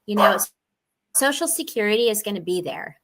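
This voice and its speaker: A woman's voice: mid-range voice, big pitch swings, a little fast, noisy background. A woman in her forties, a financial specialist speaking earnestly in a casual interview over a video call from home. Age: 40s. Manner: earnest, laughs easily, warm chatty explanations. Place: home, dog barking nearby.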